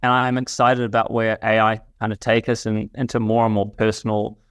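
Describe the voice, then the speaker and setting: A man speaks as an interview guest, his voice smooth and clear. He talks in a thoughtful, reflective way, often restarting his sentences. The sound is close and dry, with no room around it. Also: lowish voice, flat delivery, fairly quick, fairly bright tone, no echo. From New Zealand. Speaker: guest, company CEO. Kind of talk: casual interview chat.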